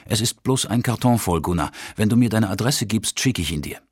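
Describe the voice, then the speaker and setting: A man voicing a former lover who speaks quietly and almost tenderly. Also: fairly low pitch, lively intonation, fairly quick, husky, no room sound, studio quality. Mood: soft. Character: gentle woman, former lover, soft-spoken.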